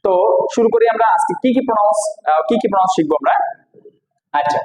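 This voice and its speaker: A man with a Bangladeshi accent teaching English pronunciation, repeating each word slowly and quizzing the listener. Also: high voice, animated, darkish tone, reverberant, poor audio. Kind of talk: spoken classroom lesson.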